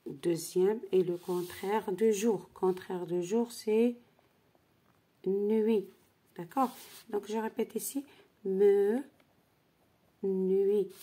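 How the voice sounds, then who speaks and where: A woman's voice: mid-range voice, dark tone, husky. A woman teacher walks through a worksheet, spelling out syllables and checking in with "d'accord?". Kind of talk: slow worksheet lesson.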